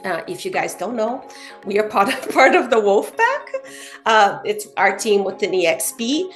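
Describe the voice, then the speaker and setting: Earnest woman, animated. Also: mid-range voice, normal speed, soft background music. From Brazil. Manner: earnest, animated, with frequent "you know" fillers. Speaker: guest realtor. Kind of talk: casual interview chat.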